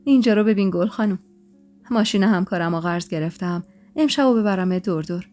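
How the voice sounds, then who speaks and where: A woman's voice: mid-range voice, a little mellow, lightly acted. Woman voicing a teasing, jealous young husband. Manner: teasing, bantering. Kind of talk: storytelling podcast. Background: faint music.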